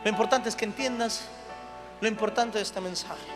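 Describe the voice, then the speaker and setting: High-voiced preaching man with a Mexican accent. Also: moderate pace. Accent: Mexican Spanish. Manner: swings from quiet intimate talk to loud shouting. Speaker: pastor. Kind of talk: sermon. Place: church hall. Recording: long church reverb with music underneath.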